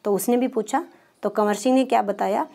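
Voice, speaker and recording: A woman's voice: a little high, steady tone, fairly quick, vocal fry, warm tone. A woman teaching a primary school lesson, patient and explanatory, asking questions and answering them herself. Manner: patient, asks and answers her own questions.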